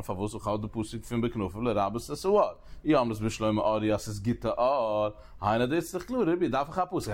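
A man teaching a religious text as a study lecture, talking in rapid bursts, repeating and restarting phrases and posing questions as he works through the reasoning. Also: medium pitch. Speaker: Talmud teacher.

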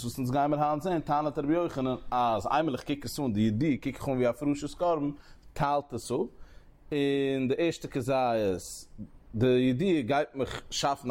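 A man's voice: mid-range voice, darkish tone. A man teaching a Talmud lesson, explaining each step in turn and pushing his voice sharply up to stress key points. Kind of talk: Talmud study lecture.

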